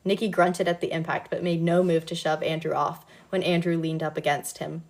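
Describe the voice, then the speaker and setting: A woman's voice: deep voice, a little fast. Woman casually reading a novel aloud. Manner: relaxed, breaks off to laugh and comment. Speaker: reader.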